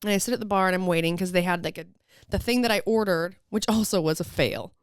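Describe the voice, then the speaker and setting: A woman's voice: on the low side, quick pace, smooth, dry recording, studio quality. Woman with a slight retainer lisp, chatting casually. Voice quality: slight lisp from wearing retainers top and bottom. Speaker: podcast co-host. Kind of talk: casual chat and personal storytelling.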